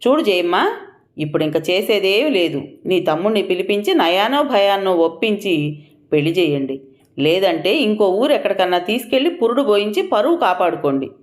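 A woman's voice: mid-range voice, sing-song, normal speed, close to an everyday voice. A woman voicing a firm middle-aged woman doctor who explains plainly and sternly.

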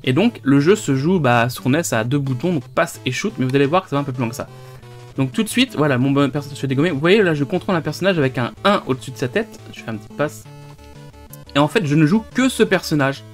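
Chatty man with a fairly high voice. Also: expressive, fast talker, faint music behind. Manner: chatty, rambling, frequent hesitations and restarts. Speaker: retro gaming video host. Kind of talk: casual gameplay commentary.

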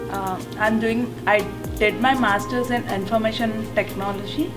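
A young woman with an Indian English accent, a new graduate speaking in a measured, plain way. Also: fairly high pitch, steady tone. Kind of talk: testimonial interview. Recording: distant mic, background music.

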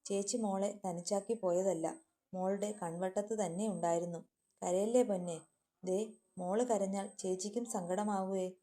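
A woman's voice: medium pitch, fairly even intonation, normal speed, warm tone, close to an everyday voice. Woman voicing a tender, protective foster mother. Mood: tender soothing. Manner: soothing and affectionate. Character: tender foster mother, protective, sharp-tongued when crossed.

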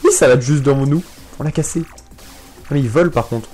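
A young man giving playful, casual commentary while playing a video game, repeating words and bursting out in sudden excitement. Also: medium pitch, moderate pace, faint music behind. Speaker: gaming YouTuber. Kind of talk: casual let's-play commentary.

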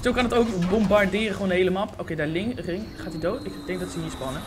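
A man giving live, excitable gameplay commentary, swearing often and talking in slang into a condenser microphone. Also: sits high, fast, noisy background. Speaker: gaming YouTuber. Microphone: USB condenser microphone.

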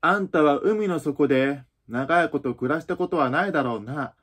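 A man voicing a sorrowful, weepy old male Mock Turtle in a storybook reading, speaking low and heavy. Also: normal speed, fairly bright tone, breathy edge. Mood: mournful.

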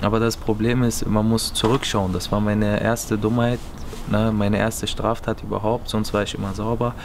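A young footballer from Berlin, Germany, answers interview questions earnestly while seated in the outdoor stands of an empty stadium. His voice is on the low side, with a level tone and moderate pace. The outdoor recording is noisy.

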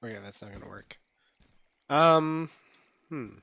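A man's voice: medium pitch, lively intonation, measured pace, gravelly, sharp tone, no room sound, highs cut off. Sick, scratchy-voiced man streaming a game. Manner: mumbling asides to himself while playing. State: hoarse from being sick. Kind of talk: casual gameplay commentary.

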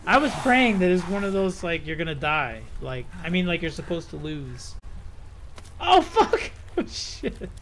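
A man's voice: fairly high pitch, moderate pace, few pauses, fairly bright tone. A young man giving casual, reactive, profane live commentary as he streams a game. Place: small indoor room. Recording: game noise behind voice.

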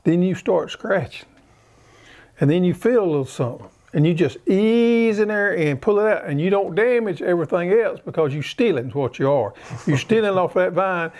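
A man with a Southern American accent, chatting in a slow, folksy way as he explains his garden. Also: high-pitched, lively intonation, darkish tone. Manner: folksy, drawling, unhurried. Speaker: garden show co-host. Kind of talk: casual how-to chat.

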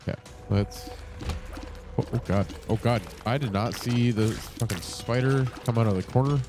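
A gaming channel host sits at his home monitor setup, rambling casually about his gameplay at a moderate pace while music plays behind him. His voice is medium-pitched and congested, and he curses frequently amid many fillers.

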